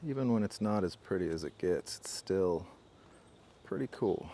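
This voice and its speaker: A low-voiced man with a gravelly edge narrates while he films outdoors in a garden. His manner is relaxed and a little joking. Faint outdoor noise sits behind him. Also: moderate pace. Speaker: camera operator. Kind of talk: casual narration while filming.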